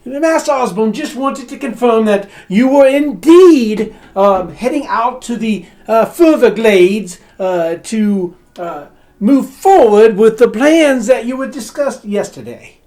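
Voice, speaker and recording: A man's voice: high-pitched, big pitch swings, measured pace, dark tone, pitched above the performer's own voice. A man putting on a prim servant faking posh. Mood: stiffly formal. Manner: stiff, overly formal, hesitant. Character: prim, well-dressed male servant faking a posh accent.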